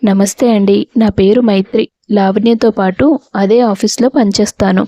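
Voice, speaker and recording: Woman doing a sad earnest young girl who loves her friend, soft warm voice, dry sound. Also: medium pitch, fairly even intonation, moderate pace, no echo, natural voice. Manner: earnest, pleading.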